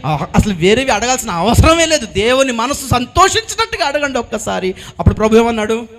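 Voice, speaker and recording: A male pastor preaching a sermon, telling the story in an animated way and calling on the congregation to respond. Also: very high voice, fast.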